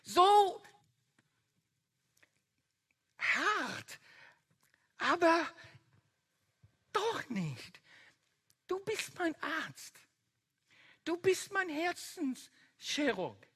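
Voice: very high-pitched, big pitch swings, drawn-out words, pauses often, pushed and bright, pitched above the performer's own voice, full character voice. A preacher voicing an impassioned grieving apostle. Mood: anguished pleading. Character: grieving apostle pleading, adult man.

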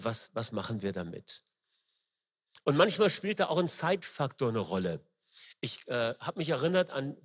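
A middle-aged man preaching a sermon, emphatic and rising loud on key words, with frequent fillers. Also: mid-range voice, slightly rough. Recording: long reverb in a large hall.

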